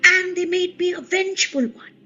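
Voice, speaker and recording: A woman's voice: very high-pitched, steady tone, bright, forceful tone. A woman playing Draupadi as a proud, defiant ancient Indian queen, declaiming in a dramatic play reading. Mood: bitter, defiant. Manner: slow, declamatory, emphatic. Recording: muffled, roomy recording with music behind.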